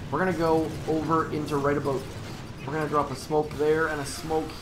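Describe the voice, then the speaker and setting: A man's voice: a little high, little pitch movement, brisk, background noise. Upbeat rambling male game streamer. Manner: rambling, upbeat, self-correcting; cheers on his troops aloud. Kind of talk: casual gameplay commentary.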